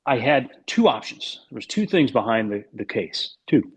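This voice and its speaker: A man's voice: mid-range voice, very animated, normal speed, slightly rough. Jokey man in his thirties, chatting sports. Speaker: recurring podcast guest. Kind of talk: casual sports chat, anecdotes.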